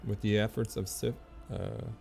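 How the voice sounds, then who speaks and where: A man streaming a game, reading its lore aloud in a halting way, often stumbling and correcting himself. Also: fairly low pitch, little pitch movement, gravelly, a little mellow, faint music behind.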